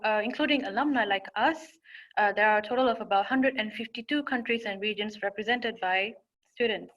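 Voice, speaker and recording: A young admissions counselor from Singapore delivers admissions information in a webinar, her voice a little high. She speaks steadily and informatively with small fillers and restarts, and the sound is lo-fi.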